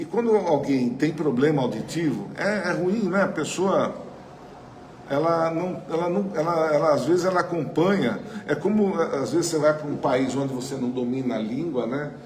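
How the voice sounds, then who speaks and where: Speaking at a moderate pace with a voice on the high side, this Brazilian Portuguese-accented man guides a spiritual study group through a microphone. His style is conversational and chatty, full of questions to the audience and frequent tag questions. Faint noise drifts through the spacious hall.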